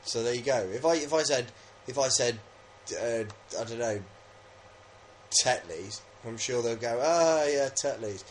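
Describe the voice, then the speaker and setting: A man's voice: mid-range voice, a little slow, a little hiss or hum. A man from England co-hosting a podcast in casual, rambling, jokey chat. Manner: jokey, rambling, with many fillers. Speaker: podcast co-host.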